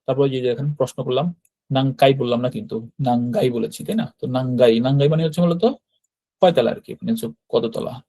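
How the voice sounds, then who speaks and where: Male language teacher, fast delivery, mellow dark tone, repetitive explanatory style. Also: mid-range voice. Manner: explanatory, repeats words, frequent fillers and "right?" checks. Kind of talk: online class lesson explaining vocabulary.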